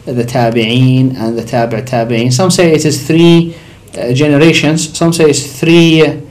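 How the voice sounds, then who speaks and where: A man's voice: medium pitch, steady tone, unhurried, darkish tone, a little hiss or hum. A man originally from Iraq, a sheikh explaining religious questions on a call-in TV show, building emphasis on his key points. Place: TV studio.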